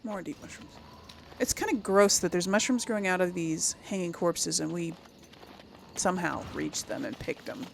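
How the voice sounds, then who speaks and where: Speaking at a moderate pace with a fairly low pitch, a female gaming host reacts in brief remarks, thinking aloud for her viewers as she plays. Game noise, including sound effects and ambience, is clearly audible behind her voice.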